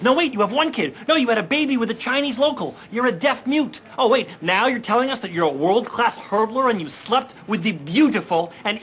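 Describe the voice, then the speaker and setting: A man's voice: extremely high pitch, fairly bright tone. A man acting an exasperated sitcom character, mocking and incredulous as he reels off accusations. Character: exasperated man indignantly listing someone's lies.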